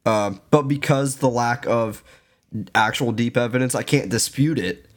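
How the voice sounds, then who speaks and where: A man co-hosting a casual podcast, giving measured, open-minded responses. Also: mid-range voice. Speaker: podcast co-host. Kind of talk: casual chat.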